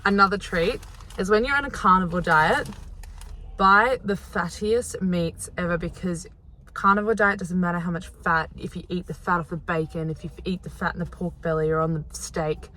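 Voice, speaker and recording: A young Australian woman with a slightly low voice talks as a vlogger in a chatty, informal way. She rambles casually to her viewers from inside a car. The phone audio carries some faint background noise. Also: steady tone, moderate pace, sharp tone. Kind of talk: casual vlog chat to viewers. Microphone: phone camera. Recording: noisy phone camera audio.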